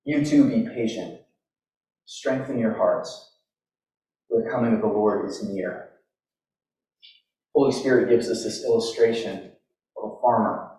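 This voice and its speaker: A middle-aged man preaching into a pulpit microphone, in a relaxed, conversational way with frequent restarts. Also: on the low side, measured pace, pauses often. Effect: speaking into a pulpit microphone. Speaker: pastor. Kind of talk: sermon. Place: large church sanctuary. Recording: very echoey hall from far off, faint noise.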